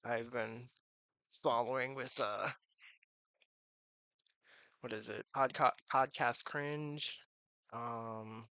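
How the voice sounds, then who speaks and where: Male streamer, creaky voice, toothless slur, halting casual rambling, close dry sound. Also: mid-range voice, a bit bright, dry recording. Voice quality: slurred, toothless articulation. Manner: halting, meandering, trailing off. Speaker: live streamer.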